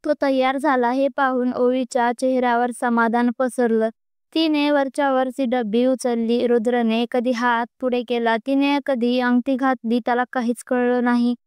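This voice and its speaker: Woman narrator, storybook romance, high and steady, very clear, dry close sound. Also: normal speed, no echo. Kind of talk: scripted narration.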